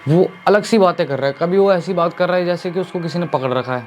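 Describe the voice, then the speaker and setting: A man's voice: sits high, fast, darkish tone, a little hiss or hum. A man telling a horror story in a casual, chatty way, speaking to his listeners as friends. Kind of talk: casual spoken horror narration.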